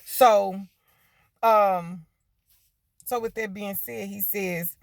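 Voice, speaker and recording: Speaking with medium pitch, fairly even intonation, drawn-out words, and some creak, a woman in her fifties gives an emotional testimonial as a thankful customer. She keeps repeating "when I tell you" for emphasis, and no room sound is audible.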